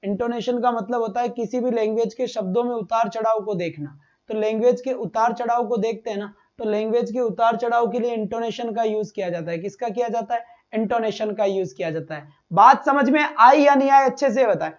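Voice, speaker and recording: A man teaches a live online exam-prep class, firing quick questions at his students, repeating each point and calling them "beta". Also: very high-pitched, dull audio.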